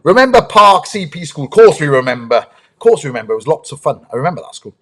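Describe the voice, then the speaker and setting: Brief: male host for a kids' live stream, slightly high and very animated pitch, eager, chatty, lots of ums. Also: quick pace. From United Kingdom. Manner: lively and eager, greets chat viewers, many ums. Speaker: host, dinosaur ranger. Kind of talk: live-stream chat with young viewers.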